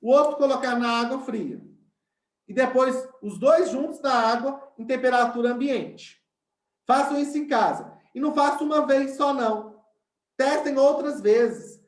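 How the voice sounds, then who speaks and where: A man's voice: extremely high pitch, measured pace, reverberant. A male science teacher, giving an online class and explaining step by step while often checking in with his students.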